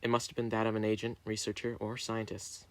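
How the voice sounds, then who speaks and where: A man reading a story dramatically, narrating in a deliberate, theatrical way. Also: fairly low pitch, monotone.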